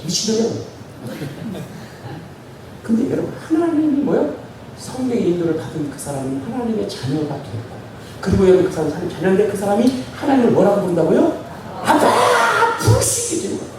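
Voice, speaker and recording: A man's voice: fairly high pitch, background noise. A male pastor preaching a sermon, calling out to the congregation and drawing amen responses. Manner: animated preaching with call-and-response; addresses the congregation constantly. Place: church sanctuary. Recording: echoey church hall from far off.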